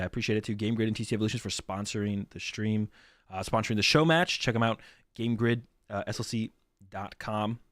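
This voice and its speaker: Sick and sounding worn, a young man with a lowish voice chats casually to viewers on his card game stream. His manner is relaxed and rambling, with repeated phrases, captured in a dry, studio-quality recording.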